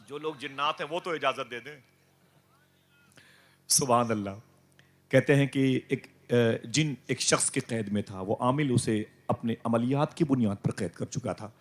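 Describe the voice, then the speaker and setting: A man preaching a devotional sermon to a live gathering, emphatic and rising to loud calls for the crowd to respond. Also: medium pitch. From South Asia.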